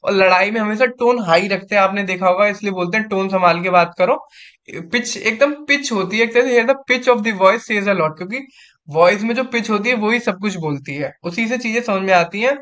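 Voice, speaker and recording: A young man gives a casual exam-prep lecture, chatty and acting out angry and gentle example lines. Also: high-pitched, normal speed. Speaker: tutor for engineering exams.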